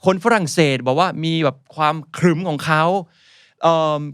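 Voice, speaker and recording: A man from Thailand, a guest author, chatting casually and telling lively stories as he mixes English words into his talk. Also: on the high side, moderate pace, no echo, clean studio sound. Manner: lively, animated storytelling. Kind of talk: casual interview chat, mixing in English words.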